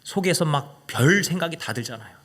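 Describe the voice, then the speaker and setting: A man preaching a sermon as a pastor, telling a personal story dramatically, asking the congregation questions and swinging from loud exclamations to hushed whispers. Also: on the high side, lively intonation, brisk, slightly rough.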